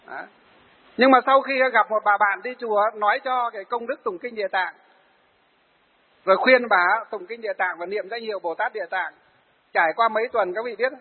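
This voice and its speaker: Husky-voiced monk preaching, phone-thin hall sound. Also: male voice, high-pitched, narrow, tinny audio. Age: 40s. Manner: storytelling, acts out the people he tells of. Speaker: Buddhist monk. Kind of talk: sermon.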